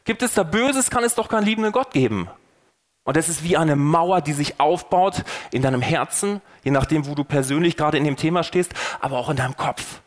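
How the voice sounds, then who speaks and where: A man's voice: on the high side, lively intonation, a little fast. A man hosting a faith podcast, preaching earnestly and putting rhetorical questions straight to the listener. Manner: earnest and persuasive, rising and falling for emphasis. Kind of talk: sermon-style podcast talk.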